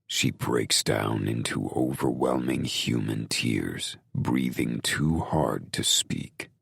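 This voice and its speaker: Brooding male audiobook narrator; extremely deep, gravelly, slow, first-person and intense. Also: a bit bright, dry recording, studio quality.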